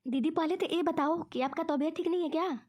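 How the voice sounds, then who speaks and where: A woman's voice: very high voice, brisk, darkish tone. A woman voicing a scheming younger friend who coaxes and tricks in a cartoon. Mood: coaxing. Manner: coaxing, sweetly persuasive. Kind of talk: cartoon voice acting.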